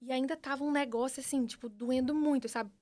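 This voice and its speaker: A young woman with a Brazilian Portuguese accent, a podcast guest giving an earnest, animated personal testimony with frequent restarts. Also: high voice, a little fast. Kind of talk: personal testimony in casual conversation.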